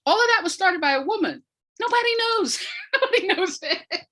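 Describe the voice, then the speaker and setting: A woman who makes audio dramas, appearing as an interview guest, explains things emphatically and repeats phrases for effect. Her very high, expressive voice has a sharp tone and moves at normal speed in this animated talk.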